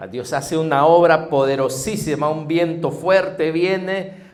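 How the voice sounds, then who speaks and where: A man's voice: a little high, steady tone, slow pace, darkish tone. A male pastor with a Peruvian Spanish accent, preaching a conversational sermon with frequent tag questions and repeated phrases.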